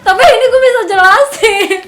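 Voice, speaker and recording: A woman's voice: extremely high pitch, moderate pace, a bit bright, soft background music. A woman in her twenties chatting casually, explaining herself in a flustered way. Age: 20s. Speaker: guest. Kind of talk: casual chat.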